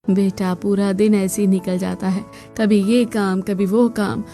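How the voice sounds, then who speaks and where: A woman voicing a poor, weary older mother in a cartoon, soft and tired. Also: mid-range voice, level tone, unhurried, faint music behind, natural voice.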